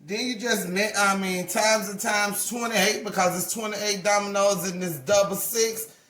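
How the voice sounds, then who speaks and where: A craft channel owner in her forties gives a casual, hands-on tutorial, chatty and folksy, often correcting herself mid-sentence. Her medium-pitched voice is fairly bright with fairly even intonation and a measured pace. The recording has a roomy echo and a little hiss or hum.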